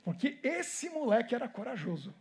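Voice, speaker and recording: A man's voice: very high-pitched, very animated, normal speed, gravelly, breathy edge. A male pastor with a Brazilian Portuguese accent, preaching a sermon and acting out the characters' lines as he tells the story.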